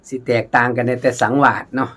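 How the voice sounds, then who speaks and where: A man with an Isan accent giving a casual khaen lesson, chatting warmly to viewers as brothers and sisters and sometimes singing melodies in syllables. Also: quick pace. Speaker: khaen teacher.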